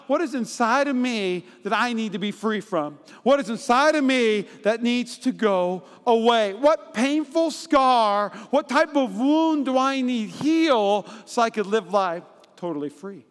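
Very high-voiced energetic male pastor. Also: measured pace, smooth. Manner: energetic, jokey, rhetorical asides. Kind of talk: sermon with comic storytelling. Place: church auditorium. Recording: long church-hall reverb.

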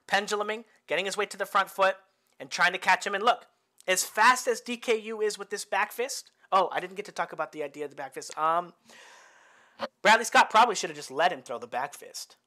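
Here's a high, sharp-toned male voice belonging to a boxing coach from the Bay Area. Loose and talkative, he walks through fight footage, checks in with "right?" a lot, and laughs at his own jokes.

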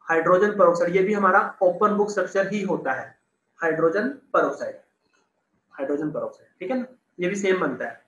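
Brief: young male chemistry teacher, high voice, loose chatty explaining, echoey room. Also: fairly bright tone, lo-fi sound. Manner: casual, repeats terms, checks students follow. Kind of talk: online class explaining on a board.

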